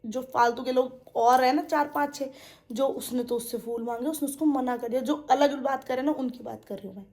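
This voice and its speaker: A woman's voice: high-pitched, fairly even intonation, fairly quick, a little mellow. A young woman venting to her viewers in a casual monologue. She sounds indignant, repeats herself and speaks to them directly. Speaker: vlogger.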